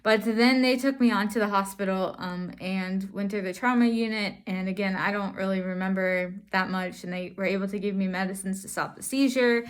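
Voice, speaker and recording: Female vlogger, medium pitch, voice through a face mask. Personal testimony: earnest, reflective, halting delivery. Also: steady tone, clean tone. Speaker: vlogger sharing stroke recovery.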